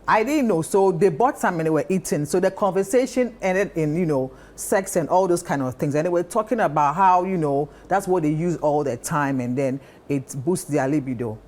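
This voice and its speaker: A woman on a talk panel, telling stories in a lively, insistent way and repeating her points. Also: low voice, moderate pace, few pauses. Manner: animated storytelling, repeats phrases. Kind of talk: casual chat.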